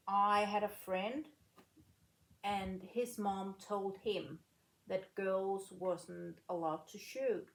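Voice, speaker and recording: A woman in her late thirties from Denmark answers questions at a slow, careful pace. Her voice sits at an ordinary middle pitch, and the room around her sounds noticeably echoey. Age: 30s. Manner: slow, measured, pausing between phrases. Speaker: guest, former rifle shooter. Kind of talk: casual interview answers.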